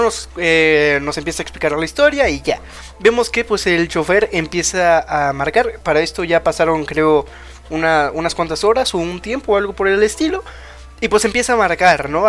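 A man's voice: high-pitched, fairly bright tone. A young man with a Mexican Spanish accent, casually retelling an anime episode on a podcast in a rambling, slangy way full of fillers. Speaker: podcast co-host.

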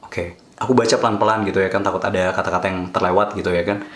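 A man's voice: deep voice, steady tone, racing. A man talking casually to his vlog viewers in a chatty, reassuring way, switching between Indonesian and English. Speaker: vlogger. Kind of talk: casual talk to camera. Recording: echoey room with soft guitar music.

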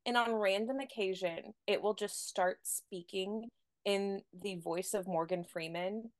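A woman's voice: medium pitch, steady tone, a little slow, no room sound, studio quality. A young adult woman chatting as a podcast guest, telling stories with lots of "like" and laughter. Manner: chatty storytelling with frequent "like" and laughs. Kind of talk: casual chat.

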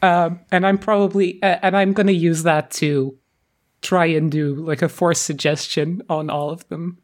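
A player in a tabletop game, thinking aloud haltingly with many fillers while describing their character's moves. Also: mid-range voice, steady tone. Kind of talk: casual tabletop play.

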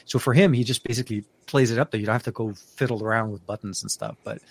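A man's voice: fairly low pitch, quick pace, vocal fry. A man co-hosting a casual tech podcast, rambling with many restarts, fillers and frequent laughs. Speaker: podcast co-host.

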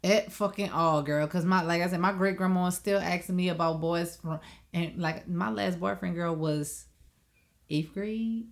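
A young woman on a casual podcast, telling lively stories and acting out her relatives' voices. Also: fairly low pitch, a little slow, creaky. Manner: animated storytelling, acts out relatives' voices; frequent "you know what I'm saying". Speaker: podcast co-host. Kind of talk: casual chat.

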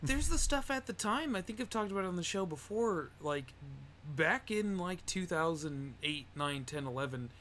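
A man's voice: sits high, moderate pace, slight background noise. A man co-hosting a podcast, chatting loosely and swearing as he tells wrestling stories. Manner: loose, profane, animated storytelling. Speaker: podcast co-host. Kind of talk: casual chat.

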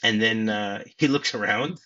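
A man's voice: lowish voice, normal speed, pushed and bright, dull audio. A man hosting a podcast, talking casually about a film scene, chatty and full of restarts. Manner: chatty, many restarts and laughs. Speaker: podcast host.

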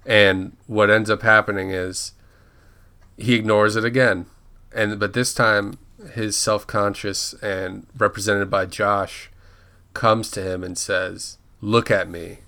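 Guy on a podcast rambling through an episode recap, lowish voice, keeps fixing himself. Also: fairly even intonation, slow pace, sharp tone, smooth. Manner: rambling, restarts and self-corrects names. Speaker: podcast co-host. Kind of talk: casual chat recapping a TV episode.

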